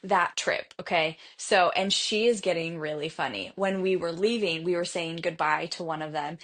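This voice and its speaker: A woman's voice: fairly low pitch, normal speed. Laughing woman telling family stories. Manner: lively storyteller, laughs a lot. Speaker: podcast co-host. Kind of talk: casual chat.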